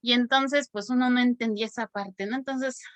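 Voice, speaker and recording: A woman teacher tells a personal story in a chatty, animated way, acting out the voices in it. Her voice sits fairly high. The sound is dry and close, with no room echo. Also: normal speed. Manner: chatty, animated, acts out quoted dialogue. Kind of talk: personal storytelling in a panel talk.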